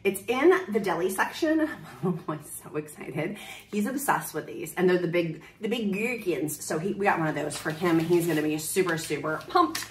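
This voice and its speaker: Filming a grocery haul vlog on a handheld phone, a woman in her thirties gushes happily and bubbly as she moves from the grocery aisles to her home. She speaks at a moderate pace with a fairly low, expressive voice, and there's a little hiss or hum in the audio.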